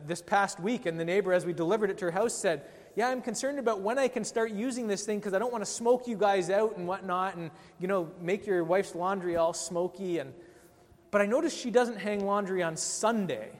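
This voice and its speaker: A man, a pastor, delivering a sermon with an emphatic, rising and falling delivery. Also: high-pitched. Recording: long hall reverb.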